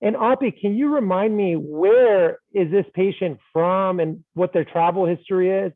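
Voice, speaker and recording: A man's voice: high-pitched, moderate pace, dry recording. A man thinking aloud through a medical case on a video call, playful and self-deprecating. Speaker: case discussant. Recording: tinny phone-like line.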